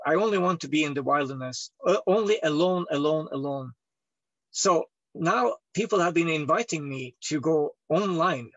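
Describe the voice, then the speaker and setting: A man from Northern Scandinavia, a healer being interviewed, lies down indoors with the microphone set away from his head. He talks loudly toward it in broken English, rambling and swinging between deep and high tones, on a dry, dull recording.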